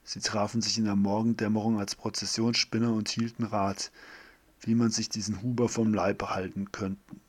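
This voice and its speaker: A man's voice: fairly low pitch, breathy edge. A man reading a homemade story aloud in a plain way, with slips and restarts.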